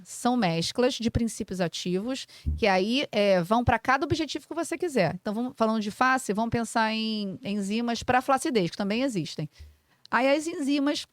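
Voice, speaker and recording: Her voice sits a little high and the audio carries no echo. Speaking as a Brazilian clinic owner and physiotherapist in her forties, she breaks down treatments for a casual podcast audience, explaining through simple analogies and lots of fillers.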